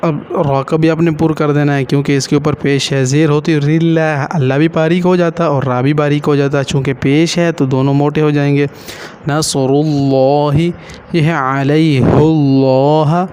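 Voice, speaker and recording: A man teaching Quran reading, spelling out each letter and vowel slowly, then explaining the rules in quick asides. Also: a little high, fairly even intonation, a little mellow, slight background noise. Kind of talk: slow syllable-by-syllable recitation lesson.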